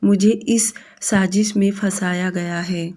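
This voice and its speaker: Woman narrator as a tearful young bride, soft and pleading, mellow tone. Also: on the low side, little pitch movement, slow pace.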